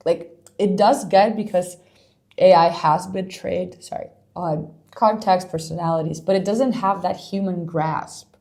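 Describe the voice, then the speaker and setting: Woman podcast co-host, lower register, tired, rambling casual talk. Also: steady tone, unhurried, creaky, a little mellow. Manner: rambling, thinks aloud with many fillers. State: tired, yawning. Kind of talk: casual chat.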